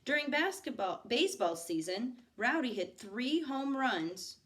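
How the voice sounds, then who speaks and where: With a fairly high-pitched voice, a woman teacher reads a novel to her pupils expressively, pausing at times to address the class directly.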